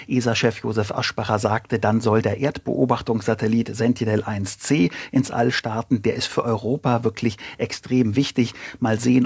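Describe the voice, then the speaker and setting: A man's voice: medium pitch, a little mellow, breathy edge, no echo. A man reporting as a radio science correspondent, explaining the matter fluently with a few small restarts.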